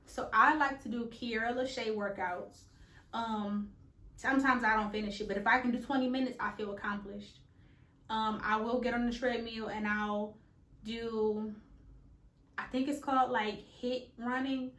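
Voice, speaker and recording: A woman's voice: a little high, fairly even intonation, normal speed, fairly bright tone. Chatty young woman in an echoey room. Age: late 20s. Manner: chatty, candid and playful, with slangy asides. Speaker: vlogger. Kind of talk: casual vlog chat.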